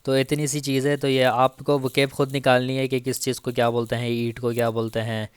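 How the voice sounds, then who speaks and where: A man teaching Turkish grammar in a casual spoken lesson, slowly repeating each example and checking in often with the listener. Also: mid-range voice, flat delivery, clear, resonant tone, dry recording. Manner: slow, repeats each example with frequent "theek hai".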